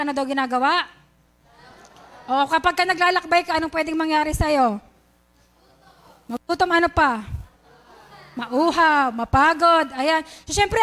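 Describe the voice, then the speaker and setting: A woman's voice: very high voice, a bit bright. A Filipina woman with a Filipino accent preaching a sermon in church, telling a Bible story and asking the congregation questions.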